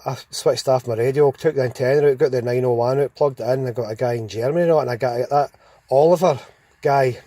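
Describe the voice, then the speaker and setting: A Scottish man with a soft-edged, mellow voice of middling pitch chats over CB radio. He rambles through his anecdotes with plain enthusiasm. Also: fast, dry recording.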